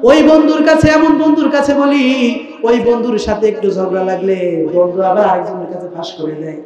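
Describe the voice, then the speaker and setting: A young man from Rangpur preaching a fiery sermon, with a sing-song chanting cadence that climbs into shouts and calls on the crowd to answer him. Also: high-pitched, fairly even intonation, quick pace, echoey room, dull audio. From Rangpur, Bangladesh. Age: young adult. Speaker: Islamic preacher. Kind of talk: fiery sermon at a religious gathering.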